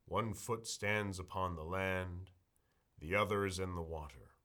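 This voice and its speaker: A man leading a guided meditation in a soft, soothing, measured delivery. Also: sits low.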